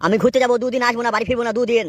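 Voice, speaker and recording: A man's voice: very high voice, flat delivery, very fast, pitched above the performer's own voice. A man voicing a stubborn, defiant young cartoon son. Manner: defiant, insistent. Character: stubborn young man obsessed with a neighbor's wife. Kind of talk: comic cartoon voice acting.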